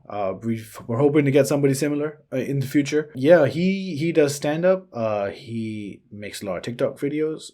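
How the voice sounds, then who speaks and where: A man's voice: medium pitch, mellow. A man hosting a podcast, introducing a guest and chatting in an easygoing way. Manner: easygoing, laughs often. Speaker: podcast host. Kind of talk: casual podcast chat.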